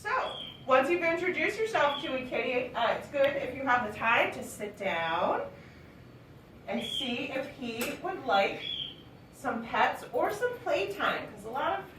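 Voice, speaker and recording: Woman, gentle volunteer trainer, a bit high, recorded from afar with room noise. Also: sing-song, a little slow. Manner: soft and patient, high sing-song baby talk to cats. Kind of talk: instructional walkthrough. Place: animal shelter cat room. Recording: echoey room, voice from a distance, audible background noise.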